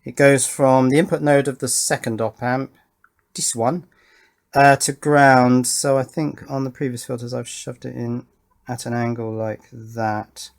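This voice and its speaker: A middle-aged man hosts an electronics hobbyist video, narrating a tutorial in a casual, thoughtful way and rambling a bit as he reminisces matter-of-factly. His voice is mid-range and gravelly, with a steady tone and measured pace.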